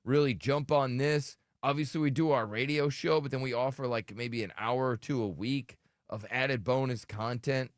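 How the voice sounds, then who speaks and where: A radio host with a mid-range voice speaks at a moderate pace with fairly even intonation, grumbling about himself with self-deprecating humor in casual morning banter. The studio sound is clean with no room sound, although his studio radio microphone is thin and tinny.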